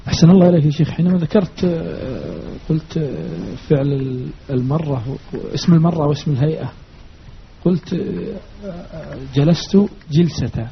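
High-pitched man, gravelly, hesitant student question, lo-fi with faint noise. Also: expressive. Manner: hesitant, many fillers and pauses. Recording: lo-fi recording with faint background noise.

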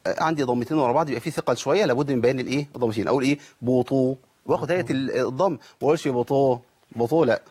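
Brisk Egyptian man teaching recitation. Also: mid-range voice, darkish tone, husky. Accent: Egyptian Arabic. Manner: explains and slowly demonstrates pronunciation. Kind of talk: tajweed lesson.

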